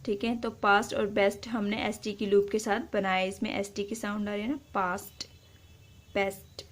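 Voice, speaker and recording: A woman teaching a shorthand lesson, patiently repeating example words slowly and explaining each step. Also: medium pitch, little pitch movement, a little hiss or hum.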